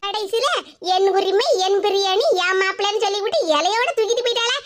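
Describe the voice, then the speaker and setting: A woman's voice: very high voice, steady tone, fast. A woman voicing a gossipy, sly older neighbour woman in a cartoon, speaking in a mocking, scolding way. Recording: loud hiss behind voice.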